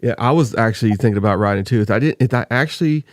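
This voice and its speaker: A man's voice: mid-range voice, very fast, no echo, clean studio sound. A man hosting a podcast, chatting casually and rambling, often laughing. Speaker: podcast host. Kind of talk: casual chat. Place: home. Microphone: desk microphone.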